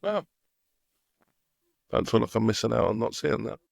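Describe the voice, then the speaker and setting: Man, co-host, dry teasing, gravelly, mid pitch. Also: sing-song, moderate pace, no room sound. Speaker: podcast co-host. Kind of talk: casual chat.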